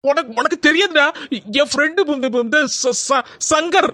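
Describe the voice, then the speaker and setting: A woman's voice: sits high, fast talker, very noisy, natural voice. A woman voicing a meek, evasive village husband in a cartoon, stammering and placating with a Kanyakumari Tamil accent.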